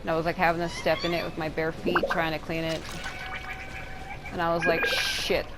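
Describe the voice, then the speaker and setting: Speaking at a moderate pace in a low, completely flat voice, a woman streamer offers casual, meandering commentary on her gameplay and seems a bit tired and unwell. Video game music plays amid heavy background noise.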